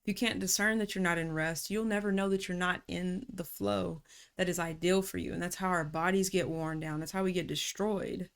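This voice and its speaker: Woman coach with a lowish voice, calm and reflective, easy casual phrasing, talking through rest and surrender. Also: creaky, clean tone. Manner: calm, unhurried, slips into casual slang. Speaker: personality typology coach.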